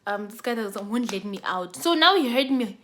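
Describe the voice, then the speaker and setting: A young woman with a South African accent, telling her own story to her viewers in a casual, dramatic way, jumping between loud bursts and hushed asides. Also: a little high, animated, moderate pace, a little hiss or hum. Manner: talks straight to her viewers, often calling them "guys".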